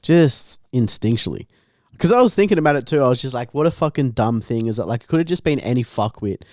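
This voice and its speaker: A man's voice: mid-range voice, lively intonation, fast talker, darkish tone, no echo. A young man co-hosts a casual podcast with a mid-range voice. He trades brash, swear-laden banter and eggs his co-host on. The recording is dry and close. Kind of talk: casual chat.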